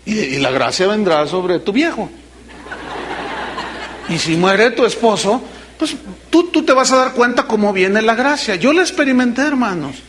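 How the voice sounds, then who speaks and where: A man's voice: high voice, sing-song, normal speed, fairly bright tone, slight background noise. A middle-aged Mexican man preaching a sermon as pastor, telling folksy, personal stories with teasing, earnest remarks. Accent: Mexican Spanish.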